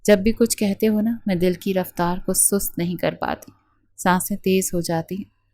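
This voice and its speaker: A woman's voice: medium pitch, fairly even intonation, darkish tone, dry recording, natural voice. A woman voicing a sweet young bride in an audio novel, coaxing and playful in manner. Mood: affectionate.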